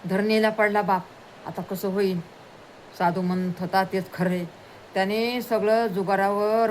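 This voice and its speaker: A woman telling a moral folk story to an audience, animated and repetitive, acting out the characters. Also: mid-range voice, a little hiss or hum. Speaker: storyteller preacher.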